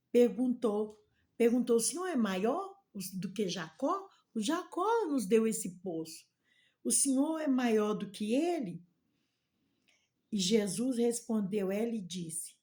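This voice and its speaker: A woman missionary preaching a sermon in a fairly high voice. She takes her time, retelling scripture dialogue in everyday words and pausing to praise God. Her tone is fervent and openly amazed. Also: darkish tone. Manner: retells scripture dialogue in plain speech, often adding "né?" and "louvado seja Deus". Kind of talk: sermon retelling a Bible story.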